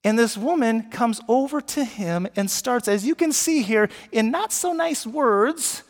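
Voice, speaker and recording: A man delivers a sermon from the pulpit, lively and engaging, often turning to quiz the congregation. His voice sits high for a man. The sound carries a long reverb from the church sanctuary. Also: measured pace. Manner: animated, asks the congregation questions. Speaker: pastor.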